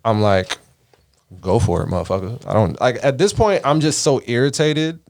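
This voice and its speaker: A man's voice: mid-range voice, normal speed, darkish tone. A man from the Caribbean, hosting a podcast, telling a story in a casual, profane way and acting out the voices he quotes. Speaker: podcast host.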